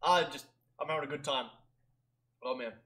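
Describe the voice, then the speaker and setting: A man's voice: mid-range voice, moderate pace, fairly bright tone. A young man chatting casually to camera in a small bedroom, goofy and self-mocking, often ending sentences with "eh". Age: young adult. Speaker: vlogger.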